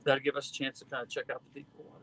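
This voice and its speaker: A man's voice: medium pitch, level tone, racing, bright, forceful tone, poor audio. A man in his fifties chatting casually with fishing buddies on a boat. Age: 50s. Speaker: fishing partner. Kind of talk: casual chat.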